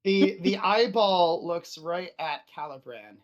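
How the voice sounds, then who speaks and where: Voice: mid-range voice, takes it slowly, highs cut off. A game master casually narrating a tabletop fantasy game and guiding the players.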